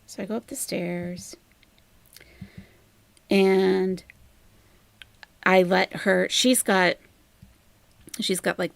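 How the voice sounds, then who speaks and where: A woman hosting a casual livestream and telling a story, animated, laughing often and acting out the people she quotes. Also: fairly low pitch, gravelly, dry recording. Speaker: channel host telling a story.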